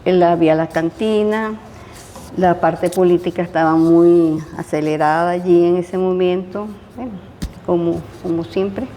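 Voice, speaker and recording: An older woman with a Venezuelan accent, a retired chemistry professor recalling her years of teaching in an interview, pausing often with fillers and restarts. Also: lowish voice, fairly even intonation, dark tone, slight background noise. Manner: hesitant, many fillers and restarts. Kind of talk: interview, casual recollection.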